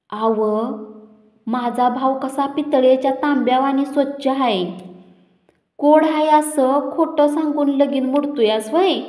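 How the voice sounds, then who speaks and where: A woman voicing a hot-tempered village man from who shouts abuse, recorded in a roomy space with long reverb. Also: high-pitched. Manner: shouting abuse, loud and fierce.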